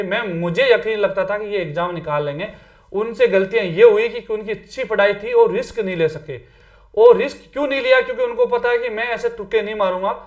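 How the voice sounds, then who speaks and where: A man with a fairly high voice gives a casual coaching lecture to exam candidates. He talks in a loose, conversational way, mixing English terms into his speech and checking in with "theek hai" as he goes. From Rajasthan, India. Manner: chatty, repeats "theek hai", mixes English words.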